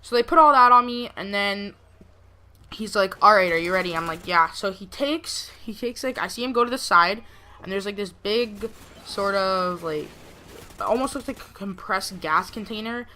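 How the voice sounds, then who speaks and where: A woman's voice: medium pitch, normal speed, pushed and bright, slight background noise. A young woman telling a personal story in a casual, rambling way, peppered with filler words like "like" and "you know". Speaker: gameplay video creator. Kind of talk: casual storytelling over gameplay.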